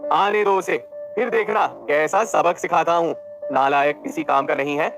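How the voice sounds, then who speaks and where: A man's voice: on the high side, moderate pace, music in the background. A man voicing a stern, hot-tempered older father. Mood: angry. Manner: gruff scolding.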